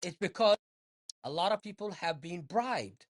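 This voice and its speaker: A woman's voice: on the low side, animated, measured pace. A woman in casual podcast chat, emphatic and profane, repeating her points to drive them home.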